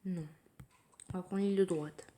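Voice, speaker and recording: A woman giving casual commentary while playing a mobile game, thinking aloud in a quiet, low-key way, recorded through her phone. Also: steady tone, normal speed. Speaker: mobile gamer narrating her play. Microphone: phone screen recording.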